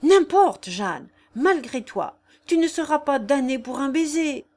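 A woman's voice: a little high, lively intonation, measured pace, darkish tone. A woman reading the lines of a threatening, ruthless young man in a storybook reading. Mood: forceful. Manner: threatening, commanding.

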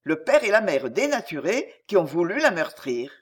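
Woman voicing a fiercely jealous noblewoman; cold, intense, menacing, pitched high. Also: very animated, normal speed, husky.

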